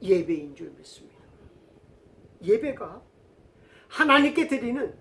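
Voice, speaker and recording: A man's voice: high voice, very animated, unhurried, a bit bright. A male pastor giving a sermon, telling stories and asking the congregation questions. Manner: storytelling, asks the congregation questions.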